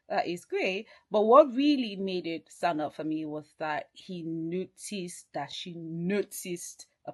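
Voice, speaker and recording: A woman's voice: on the low side, darkish tone. A young woman hosting a casual video review of a romance film, chatty, with many fillers and frequent laughs. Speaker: movie reviewer.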